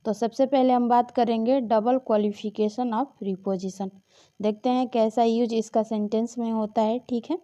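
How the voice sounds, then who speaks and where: Mellow-voiced woman teaching grammar. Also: on the high side, level tone, normal speed, hardly any pauses. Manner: explanatory, repeats key points and checks with "ठीक है". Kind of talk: exam-prep grammar lesson.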